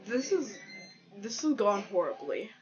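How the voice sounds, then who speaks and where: A woman's voice: medium pitch, big pitch swings, unhurried, lo-fi sound. A woman casually narrating as she draws, rambling and giggling as she makes up a silly story aloud. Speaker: drawing video creator. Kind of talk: casual narration while drawing.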